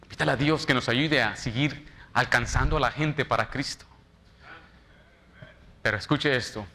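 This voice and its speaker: A man preaching a sermon in church as pastor, shifting from loud dramatic quotes to soft, quiet appeals. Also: medium pitch.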